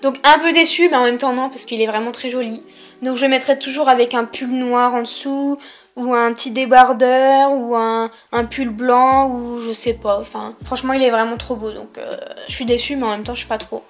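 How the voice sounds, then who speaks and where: High-voiced young woman with a lisp. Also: fairly even intonation, normal speed, faint music behind. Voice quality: lisp on s sounds. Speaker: vlogger presenting a shopping haul. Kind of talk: casual chatty haul presentation.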